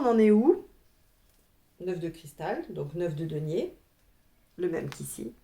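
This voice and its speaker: A woman's voice: a little high, darkish tone. A woman giving a casual tarot reading, talking straight to her viewers with frequent little asides. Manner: chatty, addresses viewers directly, frequent "hein" asides. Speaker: tarot reader.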